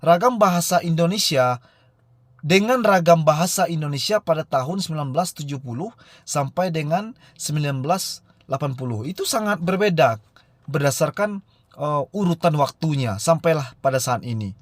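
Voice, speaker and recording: Male teacher, slightly high voice, dry close sound, explains with frequent "eh" pauses. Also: lively intonation, dry recording. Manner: frequent "eh" fillers and tag "ya". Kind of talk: recorded lesson explanation.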